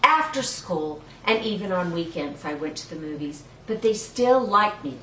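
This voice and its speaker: An older woman hosts a children's story time, reading aloud and chatting with small children in simple, playful, encouraging words. Her voice is fairly low in pitch, bright and forceful, with lively intonation at a moderate pace. The recording sounds roomy, from a distant mic, with faint noise.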